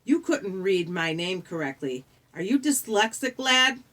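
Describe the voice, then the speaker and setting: Woman acting as ferryman of the dead, British accent, smug, greedy, smooth drawl, very animated intonation, storybook villainy. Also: medium pitch, unhurried. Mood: suspicious. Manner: smooth, condescending, drawling over words. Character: tall elegant ferryman of the dead, smug, coldly sweet, greedy. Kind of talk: audiobook character voice.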